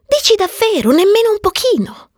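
Female narrator playing a timid, giddy confidante; high, breathy, swooping, dry close read. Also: huge pitch swings, a little slow, dry recording, heavily acted. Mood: hesitant. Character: shy, giddy, excitable woman confiding secrets. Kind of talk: audiobook character voice.

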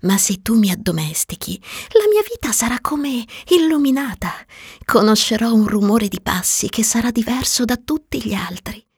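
A woman voicing a gentle, lonely, wistful female fox in a storybook reading, soft and patient, sometimes whispering, on a dry close mic. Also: medium pitch, breathy edge, dry recording, pitched above the performer's own voice.

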